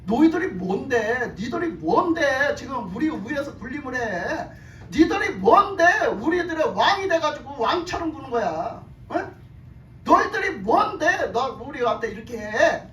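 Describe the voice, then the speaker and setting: A woman's voice: high voice, sing-song, takes it slowly, a little mellow, slight background noise, exaggerated voice. A proud male rebel leader hurls accusing, taunting questions, as a woman puts him on in a sermon. The voice rings in an echoey church hall. It is caught from a distance. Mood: indignant.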